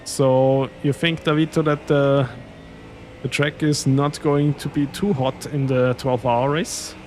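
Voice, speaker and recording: Unhurried Austrian man chatting on stream. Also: medium pitch, fairly even intonation, a little hiss or hum. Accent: Austrian German. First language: German. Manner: easygoing, chuckles often while chatting. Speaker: sim racing streamer. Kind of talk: casual live-stream chat.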